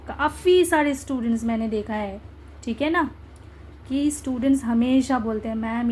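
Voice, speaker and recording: Woman teaching english grammar, slow and steady, keeps checking if students got it, bit of hiss. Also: fairly high pitch. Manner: coaxing, checks understanding with repeated tag questions. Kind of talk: exam-prep grammar lesson.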